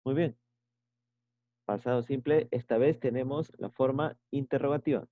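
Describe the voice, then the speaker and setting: A man's voice: mid-range voice, fairly even intonation, moderate pace, dry recording. A male teacher giving an online English grammar lesson, explaining patiently and checking in with short tag questions. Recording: tinny phone-like sound.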